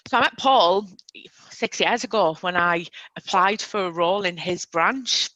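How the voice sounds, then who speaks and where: A Geordie woman from Newcastle, England, guests on a casual podcast interview as a recruitment consultant. Her voice is bright yet fairly low and a little slow, and she explains things in a friendly, steady way with fillers, though the audio quality is poor.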